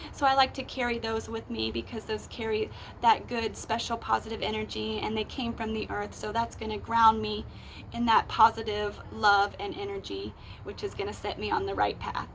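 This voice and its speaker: A woman calmly and gently guiding a grounding meditation ritual in an unhurried, instructional way, speaking outdoors. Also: a little high, rough recording. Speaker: meditation and ritual guide, host. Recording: outdoors with clear background noise.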